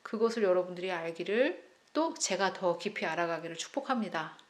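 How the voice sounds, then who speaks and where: A woman's voice: on the low side, lively intonation, a little fast. Earnest woman preaching a devotional sermon. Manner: earnest, asks the listeners many rhetorical questions; acts out quoted voices with sudden loud outbursts.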